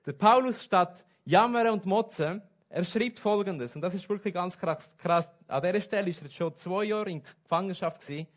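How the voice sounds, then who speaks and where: A man's voice: high voice, moderate pace, few pauses. Emphatic preacher, man. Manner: emphatic, swings between soft asides and loud stressed points. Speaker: pastor. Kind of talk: sermon.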